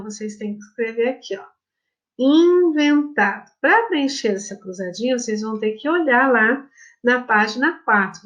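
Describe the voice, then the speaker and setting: Slow, gentle woman teacher for kids. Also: a little high. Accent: Brazilian Portuguese. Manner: slow, drawn-out words, spelling letter by letter; affectionate, addresses pupils as "my loves". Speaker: primary school teacher. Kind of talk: remote lesson for children.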